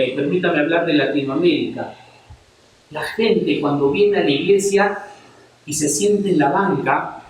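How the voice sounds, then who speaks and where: A man's voice: high voice, a little hiss or hum. A man preaching a passionate sermon to a congregation, firing rhetorical questions at them as he speaks. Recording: very echoey church hall, mic at a distance.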